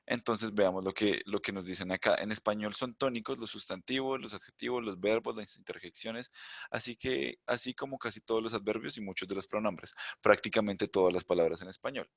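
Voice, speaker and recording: A low-voiced man teaching an online class through a computer microphone. His voice sits in a dry, close sound. He explains step by step and keeps checking that his students follow him. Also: steady tone, a little fast, creaky, dry recording. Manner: explanatory, checks in with "¿listo?" and "¿vale?"; thinks aloud, hums while searching the screen. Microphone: computer mic on a video call.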